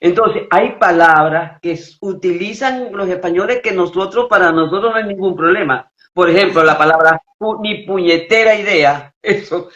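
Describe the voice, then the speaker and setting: A woman's voice: fairly low pitch, moderate pace, few pauses, fairly bright tone. Venezuelan woman host, casual storyteller, stumbles and restarts, lo-fi roomy audio. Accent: Venezuelan, Maracaibo. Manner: chatty, anecdotal, restarts words. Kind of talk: live-stream conversation.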